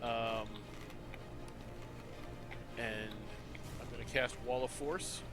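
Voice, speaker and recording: A man's voice: medium pitch, steady tone, extremely slow. A man playing a tabletop game, casually explaining his moves. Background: clear music.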